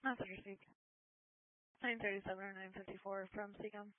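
A woman's voice: medium pitch, flat delivery, brisk, no echo. A woman working as an emergency dispatcher, speaking in terse, businesslike procedural phrases over two-way radio. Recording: tinny narrowband two-way radio.

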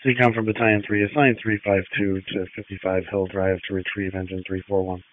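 A man's voice: low-pitched, flat delivery, brisk, dry recording. A man giving commands as battalion chief over fire and ambulance radio, in clipped, procedural phrases. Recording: tinny narrowband two-way radio.

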